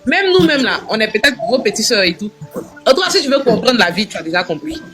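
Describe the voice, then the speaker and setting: A woman's voice: fairly high pitch, very animated, fast talker, loud music behind the voice. A woman on a live stream chatting away with fillers like "genre" and "et tout". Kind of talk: lively live stream chat.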